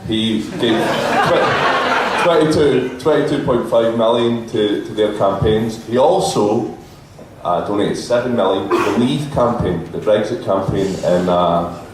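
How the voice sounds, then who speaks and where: A man's voice: on the low side, unhurried. A man talking informally as a panelist at a live show, explaining things with casual swearing. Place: live stage in a club venue. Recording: very echoey venue, distant mic, faint noise.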